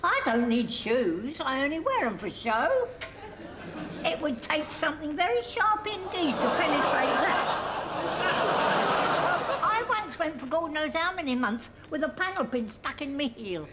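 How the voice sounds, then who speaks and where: Matter-of-fact daft bingo lady, earthy comic storytelling, high bouncy voice, noisy room. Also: very animated, measured pace, a loud crowd. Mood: breezy, amused.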